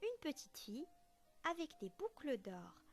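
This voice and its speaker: A woman teacher reading a children's story aloud in a slow, expressive storytelling voice. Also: high-pitched.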